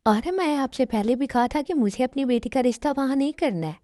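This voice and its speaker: A woman's voice: high voice, fairly quick, mellow, no room sound, studio quality, natural voice. A woman voicing a worried, stubborn mother in an amateur Hindi dubbed drama, with an insistent, nagging way of speaking.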